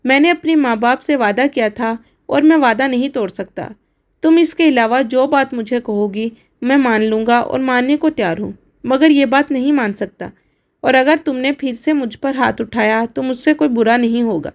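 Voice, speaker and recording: Stern rich young husband, firm and bossy, woman reading the part, storybook style. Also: sits high.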